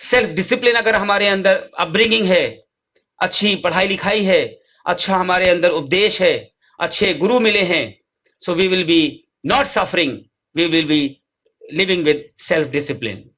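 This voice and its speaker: Male lecturer; high-pitched, unhurried, asks the class questions and answers them; muffled recording. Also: sharp tone. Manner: slow, deliberate English lines and rapid Hindi explanations. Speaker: literature teacher. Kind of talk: lecture mixing Hindi and English. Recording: dull lo-fi recording.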